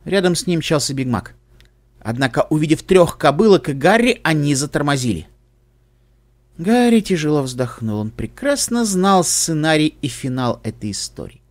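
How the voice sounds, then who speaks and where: A man reading an audiobook aloud in an expressive storytelling manner. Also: fairly high pitch. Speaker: audiobook reader. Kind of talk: audiobook narration.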